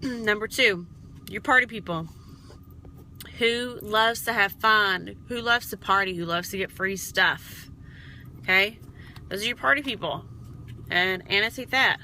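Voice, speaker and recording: A woman with a very bright, sharp voice gives a chatty sales pep talk, encouraging her team and checking in with "okay?" as she goes. A faint hum sits behind her voice. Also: medium pitch, measured pace, pauses often, poor audio. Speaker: direct sales team leader. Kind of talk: casual coaching vlog.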